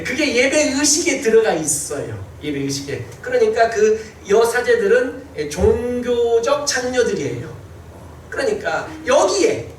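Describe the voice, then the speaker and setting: Man, pastor, sermon, conversational preaching, filler sounds, pitch jumps for emphasis, roomy church, distant mic. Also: a little hiss or hum. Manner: pitch rises sharply for emphasis. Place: church sanctuary.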